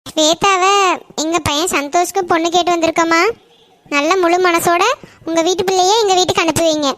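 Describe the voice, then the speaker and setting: Courteous cartoon matron, groom's mother, high and brisk, a woman voicing her. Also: fairly even intonation, fairly bright tone, no room sound. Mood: polite. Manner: polite, courteous. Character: polite, cheerful mother of the groom.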